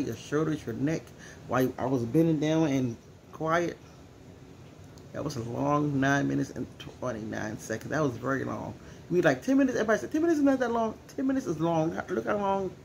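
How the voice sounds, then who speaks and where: A man's voice: mid-range voice, vocal fry, slight background noise. A teary-eyed man speaking earnestly at home in a casual personal vlog, repeating himself as he talks. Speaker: vlogger.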